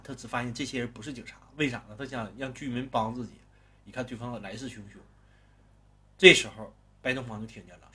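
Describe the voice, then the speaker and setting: A man's voice: medium pitch, pushed and bright, husky. A man telling a crime story casually, coarse and swearing, talking to listeners as brothers.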